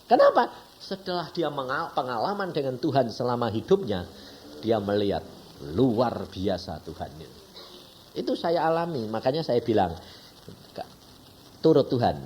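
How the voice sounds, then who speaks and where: A man with a Javanese accent preaching a sermon in a chatty style, firing questions at the congregation. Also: mid-range voice. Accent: Javanese-accented Indonesian. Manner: lively, conversational preaching with frequent questions to the congregation. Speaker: evangelist preacher.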